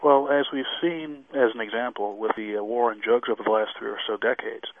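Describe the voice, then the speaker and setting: Fast-talking male expert on a tinny line. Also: mid-range voice, steady tone, no room sound. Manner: measured explanations with examples, formal wording. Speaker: airline safety expert guest. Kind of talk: expert radio interview commentary. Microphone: remote line into radio show. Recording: narrow tinny phone-like line.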